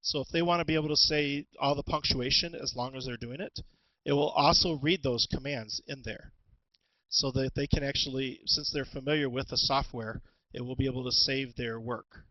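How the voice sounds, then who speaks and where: A man presenting an instructional webinar as a teacher, talking through tools in a halting way with many ums and restarts, on a headset. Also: medium pitch, highs cut off. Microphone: headset with headphones.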